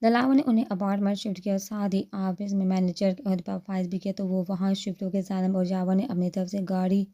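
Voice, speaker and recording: A woman narrates a romance novel with emotive storytelling. Her voice is mellow and soft, in a middle pitch range. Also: lo-fi sound.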